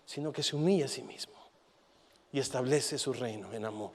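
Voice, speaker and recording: A man preaching a sermon with animated delivery, rising to forceful peaks and dropping to quiet, reflective passages. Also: medium pitch, brisk. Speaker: pastor. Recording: long hall reverb.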